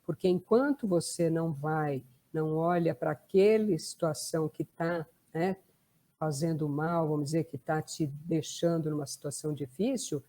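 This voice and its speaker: Mellow-voiced Brazilian therapist woman. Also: sits low, moderate pace. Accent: Brazilian Portuguese. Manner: conversational, tag questions. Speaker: family constellation therapist. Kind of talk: explanatory talk.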